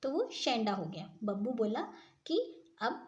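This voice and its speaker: A woman's voice: fairly high pitch, lively intonation, unhurried, dull audio. Woman explaining a children's story. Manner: retells each line and explains the wordplay, asks listeners questions.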